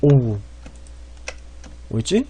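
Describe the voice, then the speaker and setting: A man streaming and commentating a game, rambling and excitable, swinging between loud panic and quiet muttering. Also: medium pitch, drawn-out words, slight background noise.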